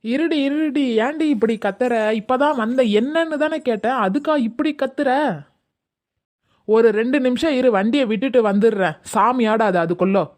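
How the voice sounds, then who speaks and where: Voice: mid-range voice, normal speed, darkish tone, natural voice. Someone playing a harried husband pleading for peace. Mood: exasperated. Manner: pleading and placating. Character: harried husband stuck between wife and mother. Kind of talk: comedy skit acting.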